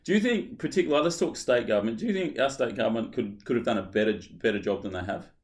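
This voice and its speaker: A man's voice: mid-range voice, a little mellow. An Australian man hosting a casual podcast chat, stopping and restarting as he lays out his questions. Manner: halting, restarts often while posing questions. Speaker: podcast host.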